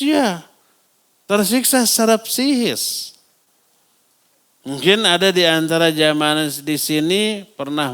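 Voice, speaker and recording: A male preacher with a Sundanese accent lectures a mosque congregation in a fairly high, clear and resonant voice. His delivery is animated, with pitch swinging up and down. He poses questions to the listeners and answers them himself. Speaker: Islamic preacher.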